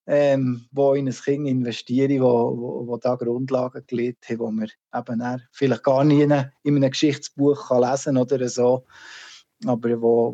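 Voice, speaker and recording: A man's voice: medium pitch, gravelly, mellow, slightly rough. A man with a Swiss German accent reflecting thoughtfully as a radio guest. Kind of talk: reflective conversation. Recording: dull lo-fi sound.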